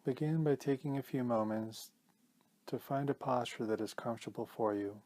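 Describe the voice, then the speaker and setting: Leading a guided meditation, this male teacher keeps his mid-range voice calm and gentle, pausing often and speaking in a measured way.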